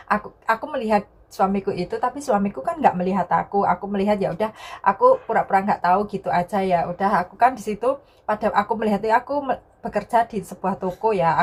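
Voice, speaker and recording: This young adult woman from Indonesia has a medium-pitched voice. She recounts something personal to viewers in a relaxed vlog manner, frequently repeating herself and adding a soft filler word at the ends of sentences.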